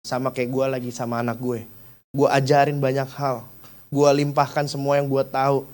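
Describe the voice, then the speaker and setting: A man's voice: medium pitch, monotone, moderate pace, darkish tone. A young adult man with a Jakarta accent preaching a sermon, talking casually in slang and telling stories from his own life. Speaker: youth pastor. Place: church service.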